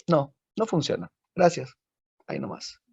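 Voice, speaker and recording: A man putting on a brusque, dismissive book publisher who turns a writer away, in a husky, gravelly voice on a dull lo-fi recording. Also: fairly high pitch, wildly swooping pitch, a little slow, a little mellow, no room sound, full character voice. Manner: curt, brushing off.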